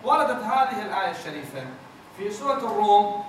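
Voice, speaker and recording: A man teaching Quran recitation to a class, explaining patiently, repeating words and chanting verses slowly. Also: sits high, sing-song. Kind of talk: classroom lesson with chanted examples. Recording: very echoey room, mic far off, faint noise.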